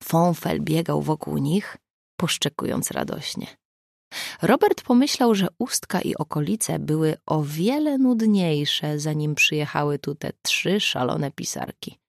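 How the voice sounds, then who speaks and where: A woman narrating an audiobook in an expressive storytelling manner. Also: low voice, a little slow, creaky, no room sound, studio quality.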